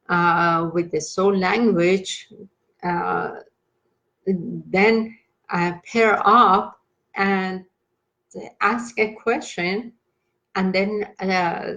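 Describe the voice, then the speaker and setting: A woman leading a meditation class, giving slow, halting instructions with many pauses and fillers and repeating gentle reassurances. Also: mid-range voice, poor audio. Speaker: meditation teacher.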